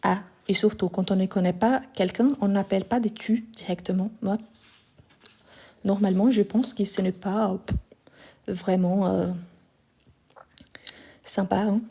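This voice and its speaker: Woman French teacher with a Lyon accent, live-stream grammar lesson, mellow and warm, deliberate and explanatory. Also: mid-range voice, fairly even intonation, vocal fry, husky. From France and Brazil. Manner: explanatory, repeats forms slowly, gets indignant answering critics.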